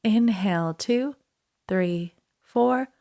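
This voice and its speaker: Warm and gravelly in the middle range, a female meditation teacher guides a breathing practice. Her pace is relaxed and soothing, with pauses between her short cues.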